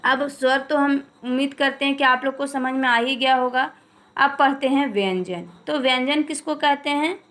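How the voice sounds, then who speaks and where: High-voiced woman teaching a grammar class. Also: a bit bright. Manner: explains slowly, drawing out example sounds; asks and answers her own questions. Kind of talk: recorded grammar lesson.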